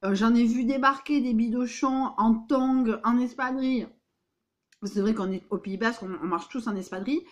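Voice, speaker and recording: A woman's voice: fairly high pitch, steady tone, normal speed, dull audio. A woman with a southwestern French accent, Béarnais-tinged, talking straight to her viewers from home in a rambling, emphatic vlog monologue. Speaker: vlogger. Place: at home indoors.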